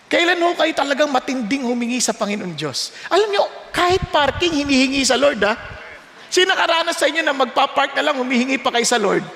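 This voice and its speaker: A male pastor delivers an animated sermon, his voice rising as he tells a story. His tone is bright and sharp, with a gravelly edge. The sound carries the long echo of a large church hall. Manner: animated storytelling, often rising in pitch and volume.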